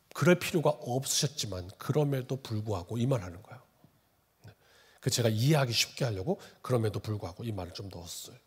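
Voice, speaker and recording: Husky-voiced man preaching a sermon. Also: medium pitch, a little mellow. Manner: conversational, asks the congregation questions. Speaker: pastor.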